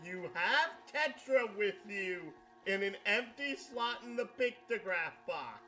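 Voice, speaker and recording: A man's voice: sits high, animated, takes it slowly, bright, forceful tone. A man chatting casually with friends over a video game and giving them directions. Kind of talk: casual gaming chat. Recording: game music behind the voice.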